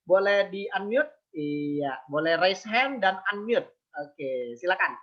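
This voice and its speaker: A man's voice: high-pitched, animated, slow pace. A man hosting an online seminar, upbeat and praising his guest as he moderates questions. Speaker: webinar host and moderator. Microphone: video call. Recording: muffled video call audio.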